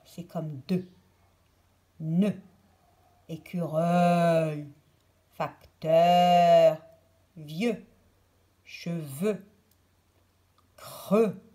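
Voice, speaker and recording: A woman teacher giving a pronunciation lesson to children, saying single words slowly and with exaggerated care. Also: mid-range voice, darkish tone. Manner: slow, deliberate, over-articulated word drills.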